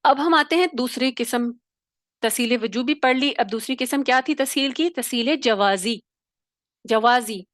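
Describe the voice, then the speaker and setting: Female recitation teacher: fairly high voice, dry close mic, patient step-by-step demonstrations. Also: a bit bright, no echo. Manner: explains step by step, demonstrates sounds, checks with "theek hai?". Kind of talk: tajweed lesson.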